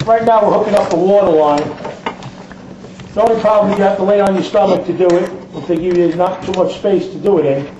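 Indoors in a home kitchen, a male instructor gives a plain-spoken, step-by-step plumbing demonstration, his voice sitting high and moving fairly quickly. The recording is noisy, dull and lo-fi, with a distant mic and roomy echo.

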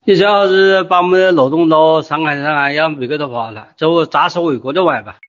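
Distraught older Wuhan man, higher-pitched, muffled. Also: fast, a bit bright. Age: older, near retirement. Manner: agitated, insistent, repetitive pleading and warning. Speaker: resident leaving voice messages in a group chat. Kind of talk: informal voice messages. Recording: muffled lo-fi phone voice messages.

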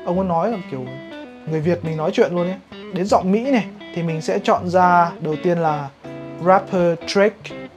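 A woman from Vietnam teaching English pronunciation in a vlog, explaining in a measured way. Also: fairly low pitch, darkish tone, lo-fi sound. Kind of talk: vlog lesson commentary. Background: guitar music.

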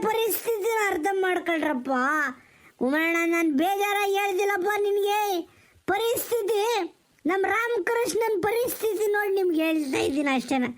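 A man playing a tipsy middle-aged village elder who pleads slowly and repeats himself. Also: very high voice. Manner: slow, pleading, repetitive.

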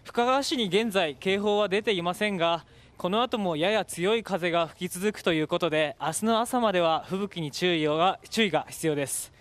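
A man with a notably high voice reports live on the weather as a field reporter. His delivery is measured and explanatory. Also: fairly bright tone.

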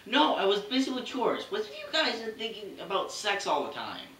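A man's voice: high voice, sing-song, moderate pace, bright, forceful tone, distant mic. A young man acting in an amateur comedy sketch, speaking in an apologetic way. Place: room in a house. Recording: echoey home room, off-mic, faint noise.

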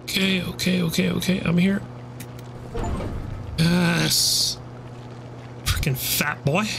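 A young man commentates a horror game as a scared streamer. His voice sits a little high, and he mutters and swears to himself in short bursts. The recording is clearly noisy, with ambience behind him. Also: fairly even intonation, slow. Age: young adult.

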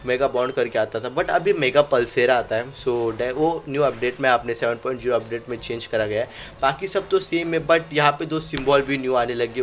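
In this casual Let's Play, a young man hosting a gaming channel chats his way through a handheld game with plenty of fillers and bits of English. His voice is medium in pitch, and the phone recording carries a little hiss or hum.

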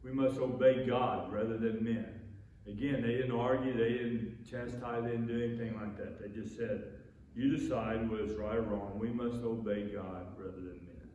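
Middle-aged pastor preaching in an echoey empty church. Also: male voice, fairly low pitch, fairly even intonation, normal speed, warm tone, a little hiss or hum. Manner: earnest preaching with frequent restarts and repetitions. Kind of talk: sermon. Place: small church sanctuary with empty chairs, indoors. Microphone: far camera facing the pulpit. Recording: very echoey, dull church room recording.

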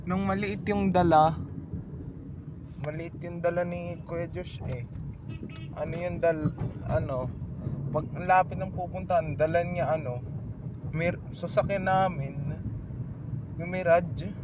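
A man's voice: sits high, steady tone, slow pace, pauses often. A teenage boy vlogging from a moving car, chatting politely and agreeably with a relative. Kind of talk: casual chat. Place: inside a moving car on city streets. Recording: noisy car interior.

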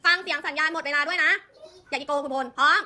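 A woman's voice: high-pitched, fairly even intonation, fast, sharp tone. A woman teaching a phonics lesson to young children in a classroom, patiently prompting and repeating each word back to them. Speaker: primary school teacher. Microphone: room recording from a distance. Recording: echoey classroom from far off with background noise.

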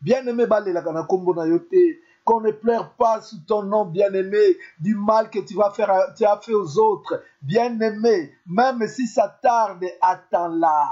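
A pastor with a high, mellow voice preaches a little slowly with few pauses. He is emphatic and repetitive, calling out "beloved" to his listeners constantly, and the recording sounds dull and lo-fi.

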